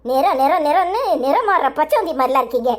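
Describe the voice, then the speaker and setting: Someone doing an angry young wife, tirunelveli tamil accent, high lively voice, cartoon comedy. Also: fast talker. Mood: scolding. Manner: scolding, indignant.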